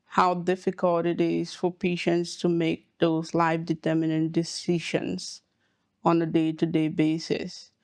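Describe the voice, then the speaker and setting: A woman from Cameroon, a hematologist oncologist, giving slow, measured explanations with pauses in a podcast interview. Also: fairly low pitch, completely flat delivery, dry recording.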